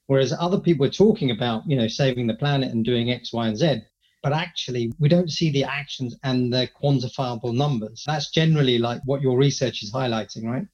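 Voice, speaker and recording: A man's voice: medium pitch, fairly quick, a little mellow, muffled recording. A man co-hosting a podcast, chatting conversationally and often checking for agreement. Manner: conversational, seeks agreement with tag questions. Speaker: podcast co-host. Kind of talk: podcast interview.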